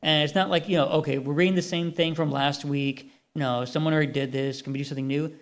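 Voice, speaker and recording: Male panel host, slightly high voice, chatty and rambling. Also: steady tone, quick pace. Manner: rambling, chatty, self-correcting. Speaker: convention panel host and narrator. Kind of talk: script narration, then casual panel talk.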